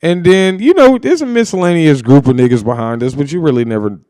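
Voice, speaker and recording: A young man co-hosting a podcast, telling loud, animated stories in casual banter and swearing freely. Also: a little high, a little fast, no room sound. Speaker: podcast co-host.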